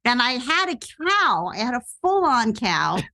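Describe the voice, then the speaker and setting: A middle-aged actress telling a story in a casual interview, acting out quoted lines with sudden jumps in pitch. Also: female voice, sing-song, normal speed, bright, forceful tone. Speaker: actress and podcast guest.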